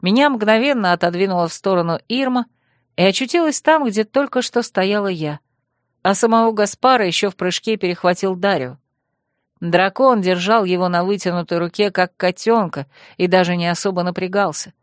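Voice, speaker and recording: A woman narrating a novel in the first person at an even storytelling pace. Her voice sits at a middle pitch. The recording is dry and close. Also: normal speed, no room sound. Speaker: audiobook narrator.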